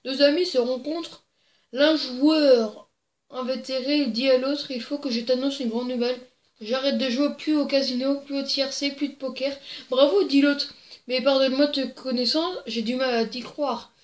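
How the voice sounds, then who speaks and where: A woman's voice: high-pitched, fairly even intonation, normal speed. A young woman casually reading jokes to camera, giggly and rambling with crude asides, on a desk microphone. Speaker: joke-telling video host. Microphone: plugged-in desk microphone. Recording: echoey room.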